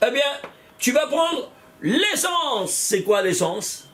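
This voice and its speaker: A man teaching a Kabbalah study class, animated, repeating numbers out loud and exclaiming in wonder as he questions his students. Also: extremely high pitch, slow pace. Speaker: Torah teacher.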